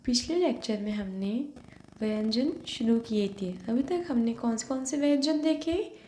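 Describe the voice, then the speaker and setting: A woman's voice: on the high side, mellow, slight background noise. A woman teaching a class of young children, drawing out each sound for pupils to repeat and mixing English phrases into her Hindi. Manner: slow, drawn-out repetition for pupils to echo. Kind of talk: online lesson for young children. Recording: echoey room.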